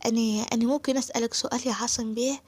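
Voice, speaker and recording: A woman's voice: a little high, steady tone, rapid-fire, a little mellow, breathy edge. A woman voicing a shy young woman with an Egyptian accent, speaking hesitantly and sweetly.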